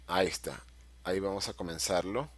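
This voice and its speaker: There's a little hiss or hum behind this low-pitched, brisk male voice. A middle-aged teacher, he runs a screen-recorded video-editing tutorial, patiently explaining each step and checking in with students often.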